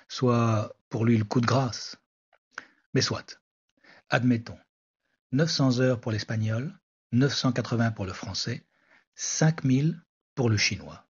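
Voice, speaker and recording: A man, a language teacher, narrating a scripted explanation in a measured, wry way. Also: medium pitch, darkish tone, slightly rough. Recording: dull lo-fi recording.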